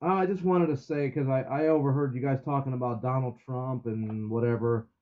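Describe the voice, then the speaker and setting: A man's voice: mid-range voice, fairly even intonation, brisk. A man speaking over a phone with earbuds that sound muffled, as if heard through a wall, talking hesitantly with many ums. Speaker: call-in participant. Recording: muffled dull phone line.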